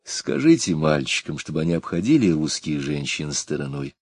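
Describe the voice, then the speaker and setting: A man voicing a cocky male police detective who talks loudly and sarcastically, in an audiobook. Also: very deep voice, sing-song, normal speed, slightly rough, dry recording, studio quality, voice pushed down, exaggerated voice. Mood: mocking. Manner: loud, sarcastic.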